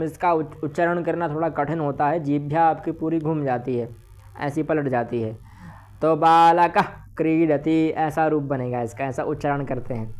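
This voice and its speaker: A male teacher giving an online grammar lesson. He explains step by step, asks questions and answers them himself, and says his examples slowly and more than once. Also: fairly high pitch, a little mellow.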